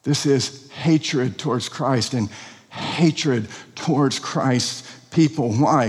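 A man's voice: a little high, in a large hall. A pastor preaching an expository sermon, earnest and emphatic, asking rhetorical questions of his congregation.

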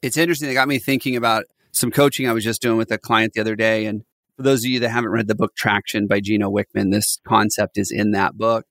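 A man hosting a conversational interview as a business coach, telling stories with animated delivery and frequent laughter. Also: lowish voice, fast, dry recording, studio quality.

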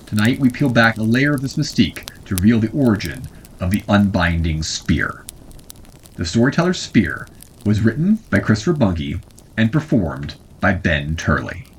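Lively-voiced man announcing a show. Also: lowish voice, normal speed, husky, poor audio. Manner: welcoming, announcing. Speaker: show host. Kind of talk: scripted podcast introduction.

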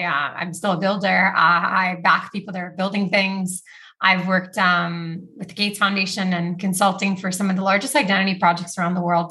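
A woman's voice: mid-range voice, sharp tone. A woman from Brazil, a podcast guest, talking casually about her career with many "like"s and small laughs. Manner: chatty, uses "like" often, laughs between phrases. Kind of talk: casual interview talk.

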